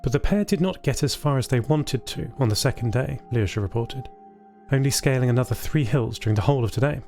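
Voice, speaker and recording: A male narrator of an audio fiction podcast reads a scripted first-person story in a mid-pitched, mellow voice at a fairly quick pace. He voices a thoughtful, caring artificial intelligence built for communication, with a music bed playing beneath him.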